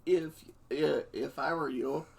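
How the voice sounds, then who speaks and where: A man's voice: fairly high pitch, slow, vocal fry, breathy edge, exaggerated voice. A man reading as a sarcastic young fox. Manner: stuttering, flat reading.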